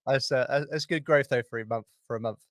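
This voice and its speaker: A man's voice: medium pitch, brisk, no echo, studio quality. A man hosting a podcast, asking friendly, easygoing questions with plenty of fillers. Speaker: podcast host. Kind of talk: interviewing.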